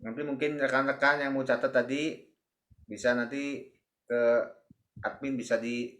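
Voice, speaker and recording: A man's voice: mid-range voice, little pitch movement, normal speed, a bit bright. A man moderating a church fellowship video call, politely thanking and giving turns with short acknowledgements. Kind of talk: casual group call moderation.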